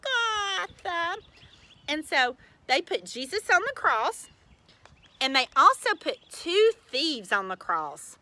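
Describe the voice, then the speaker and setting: A woman teaching preschoolers, telling them a story in an animated way and talking straight to the children. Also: high voice, takes it slowly.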